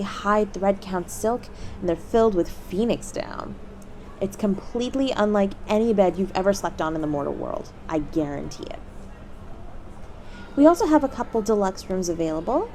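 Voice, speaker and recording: In a scripted audio roleplay, a woman plays a cheery, eager demon hotel receptionist who addresses the listener directly as a guest. Her pitch swings up and down with bubbly, courteous, salesy polish, polite and persuasive, in a darkish tone close to her everyday voice. Faint ambient noise sits behind her.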